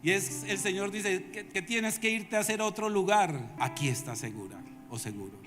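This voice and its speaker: Male pastor, emphatic preacher, slightly high voice, big reverberant hall, music underneath. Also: normal speed. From Colombia. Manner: emphatic preaching, questions and commands to the congregation. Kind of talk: sermon. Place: large convention hall.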